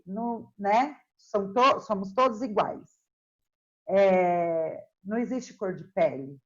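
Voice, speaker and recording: Slow, earnest middle-aged woman. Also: medium pitch, darkish tone, dull audio. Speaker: historian guest. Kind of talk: casual interview chat.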